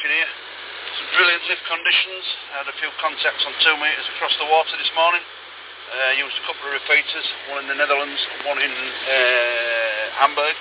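A man's voice: fairly high pitch, fairly even intonation, normal speed. A man chats casually as an amateur radio operator, speaking over a mobile two-way radio with call signs. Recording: noisy, narrowband mobile radio transmission.

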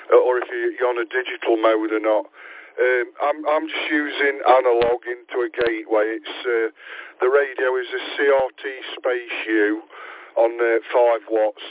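Relaxed male ham radio operator calling mobile, tinny radio line. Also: mid-range voice, no room sound. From English Midlands. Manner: relaxed, chatty, often restarting phrases. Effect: heard over a ham radio link. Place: parked van.

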